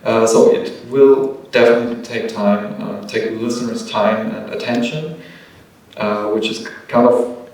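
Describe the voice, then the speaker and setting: A man answers in English in a measured, steady way, pausing with fillers. His voice stays flat in pitch and sounds distant, in a hall that echoes heavily. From Germany. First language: German. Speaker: band member, guest. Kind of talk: casual panel interview.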